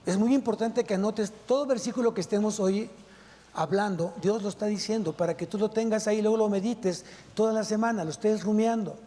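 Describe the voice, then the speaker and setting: A male pastor delivers a sermon with a high-pitched yet mellow voice. He presses his listeners with emphatic rhetorical questions as he preaches. The sound rings with the long reverb of a church hall. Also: a little fast. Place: church sanctuary.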